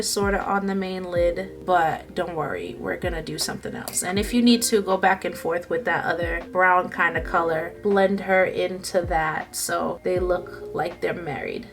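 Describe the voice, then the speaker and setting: A woman's voice: mid-range voice, a bit bright. A woman chatting playfully through a makeup tutorial, joking to herself as she works. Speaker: beauty vlogger. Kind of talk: casual makeup tutorial chat.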